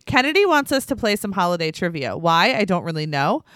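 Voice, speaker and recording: Woman, podcast host, chatty and rambling, low pitch, dry close mic. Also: very animated, brisk, a bit bright, smooth, dry recording. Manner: chatty, rambling, frequent fillers. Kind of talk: casual podcast chat.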